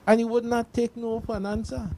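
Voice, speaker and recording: This panelist has a Caribbean accent and a very high, warm voice delivered flatly and a little fast. Chatting casually with personal stories, he presses his points emphatically, says things more than once, and makes sure his audience understands.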